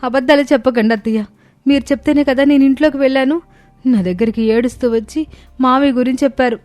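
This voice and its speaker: A woman's voice: high voice, fairly even intonation, quick pace, a little mellow, faint music behind, natural voice. A woman voicing an innocent young village daughter-in-law, pleading and distressed.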